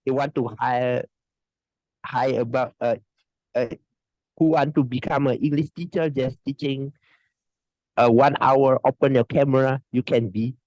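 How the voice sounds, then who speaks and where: This Indonesian man, interviewed over a casual video call about his work as an online English teacher, keeps restarting his hesitant, slow sentences and laughs frequently. His voice sits at a middle pitch with fairly even intonation and a darkish tone, sounding dry, a little muffled and free of room sound.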